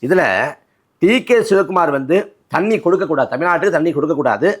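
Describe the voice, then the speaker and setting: A man from Nadu, speaking as a party spokesman in a political interview, forceful and rhetorical, repeating phrases for emphasis. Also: fairly high pitch, fast, husky.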